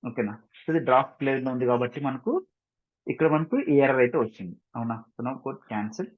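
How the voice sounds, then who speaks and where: A software instructor with an Indian accent moves quickly through a tutorial in a mid-range, slightly husky voice. He goes step by step in a relaxed way, mixing in English phrases and often asking short questions to make sure learners follow. The lo-fi microphone makes everything sound dull and muffled.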